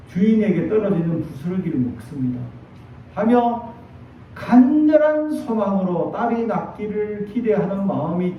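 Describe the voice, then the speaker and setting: High-voiced Korean pastor preaching in an echoey hall. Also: male voice, slight background noise. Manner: animated storytelling with acted quotes. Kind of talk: sermon. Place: church sanctuary. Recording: echoey distant, dull church sound.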